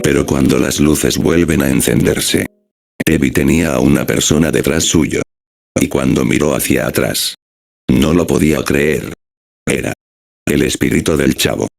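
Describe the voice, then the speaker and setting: A man narrating a scripted horror story in a flat, steady storytelling manner. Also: very deep voice, normal speed, creaky, no echo, clean studio sound. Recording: music playing underneath.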